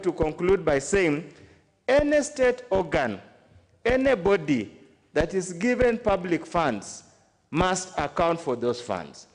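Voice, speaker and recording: High, animated man making a parliamentary speech. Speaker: member of parliament. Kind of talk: formal debate speech. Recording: echoey large chamber.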